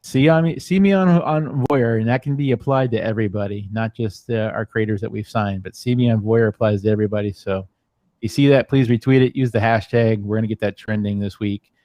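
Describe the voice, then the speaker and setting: Low, filler-heavy man hosting a livestream. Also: fairly quick, dark tone, no room sound. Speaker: founding member and host. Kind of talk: livestream chat.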